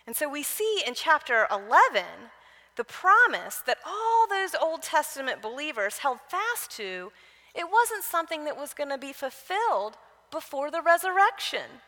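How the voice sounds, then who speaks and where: A woman with a bright, forceful, fairly high voice delivers Bible teaching in a conversational way. She moves from personal stories to direct exhortations to the listeners. Her voice carries a long reverb from a large hall. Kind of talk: conference Bible teaching talk.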